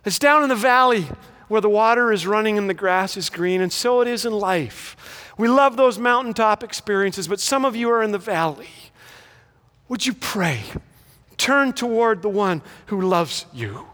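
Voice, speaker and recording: High-voiced man, echoey hall. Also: expressive, normal speed, a bit bright. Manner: storytelling with comic timing. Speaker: graduation speaker. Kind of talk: humorous inspirational speech.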